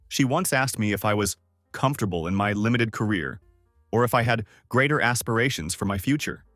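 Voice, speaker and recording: A man's voice: medium pitch, fairly bright tone, dry recording. A man narrating a scripted first-person story in a dry, sardonic manner.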